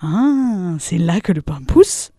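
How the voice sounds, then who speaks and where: A woman's voice: fairly low pitch, sing-song, takes it slowly, dark tone, no room sound, clean studio sound, heavily acted. A woman voicing a naive, impatient male wolf who keeps interrupting. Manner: whiny, eager interruptions.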